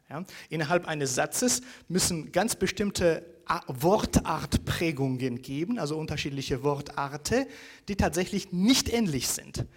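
Hesitant lecturing man. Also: a little high. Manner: hesitant, many fillers, rhetorical "ja?" checks. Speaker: university lecturer.

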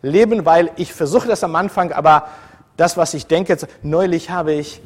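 This man, a lecturer from the former Soviet Union, addresses his students informally at a moderate pace in a slightly high voice. His talk is conversational and digressive, straying from the topic, with frequent fillers, restarts and self-corrections.

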